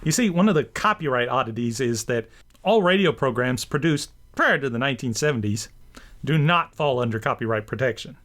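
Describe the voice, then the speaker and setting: Background music accompanies a medium-pitched, bright voice as a man hosts his rant and commentary show. He's animated and a little fast, delivering scripted commentary in elaborate, bookish wording.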